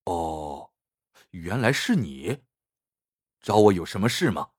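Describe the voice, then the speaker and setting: A man voicing a cold, distant man with a low baritone who speaks curtly and detached. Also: very animated, slow pace, slightly rough, no room sound, studio quality, heavily acted. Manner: curt and detached.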